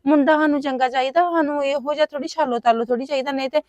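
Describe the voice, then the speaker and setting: A woman's voice: high voice, fairly even intonation, fast, darkish tone, dry recording, close to an everyday voice. A woman in her late twenties playing a hesitant elder daughter who confides in a friend. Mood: confiding. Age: 20s. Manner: hesitant, pleading. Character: shy 29-year-old woman confiding a crush. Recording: dry, dull lo-fi sound.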